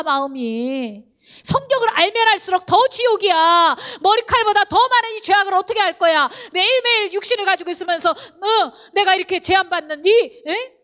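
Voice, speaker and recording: A woman pastor preaching an animated sermon. She fires rhetorical questions at the congregation and urges them on. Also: very high-pitched. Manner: animated, acts out believers' inner voices.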